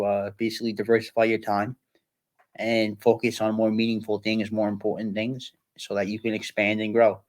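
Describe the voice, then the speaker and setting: A low-voiced man co-hosting a casual podcast. His delivery is flat and even, halting now and then with "uh" while he hunts for words. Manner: halting, searches for words, many "uh" fillers. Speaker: podcast co-host. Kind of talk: casual chat.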